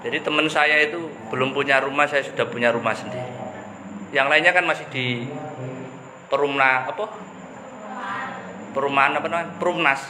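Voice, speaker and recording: A man's voice: mid-range voice, fairly even intonation, moderate pace, long pauses. A man giving a casual religious talk, chatty and joking, mixing in local slang. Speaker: preacher. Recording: echoey room with background noise.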